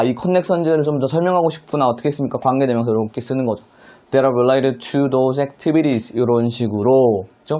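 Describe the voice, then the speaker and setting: A man teaching high school English, walking through a textbook passage step by step and asking the class rhetorical questions. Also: darkish tone. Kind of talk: online classroom lecture explaining a textbook.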